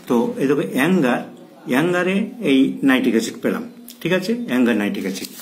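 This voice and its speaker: A man's voice: mid-range voice, expressive, fast. A man who is a doctor, teaching case taking in his clinic and thinking aloud as he repeats key terms. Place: clinic consulting room.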